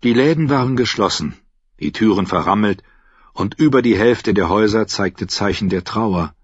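A male narrator reads the story in a steady, measured way, with a husky voice. The recording is dry and close, with a muffled, lo-fi sound. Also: fairly low pitch, no room sound. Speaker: audiobook narrator. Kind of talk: scripted narration. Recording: dull lo-fi, dry.

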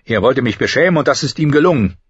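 A man's voice: medium pitch, lively intonation, fast talker, breathy edge, no room sound, voice pushed up. A man doing a bitter proud young recruit. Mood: angry. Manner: curt, angry. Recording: slightly dull recording.

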